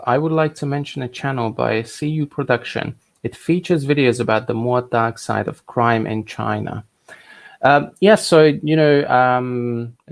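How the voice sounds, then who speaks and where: A livestream host born in Hungary and raised in England from age thirteen answers viewer questions in a casual, rambling chat full of restarts and asides. His voice is medium-pitched with vocal fry.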